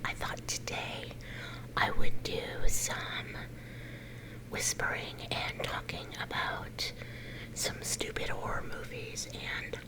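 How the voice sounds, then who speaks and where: A middle-aged woman leaning in to whisper a casual, unhurried ASMR chat, her whisper a little growly at times. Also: rough recording. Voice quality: whisper that turns slightly growly. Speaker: ASMR video creator.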